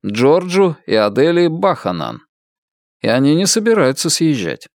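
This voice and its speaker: A young man presses his complaint calmly and coldly, as a male reader voices him. His pitch moves in lively swings, and the recording is dry and close. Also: moderate pace, no echo. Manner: calm, cold and insistent.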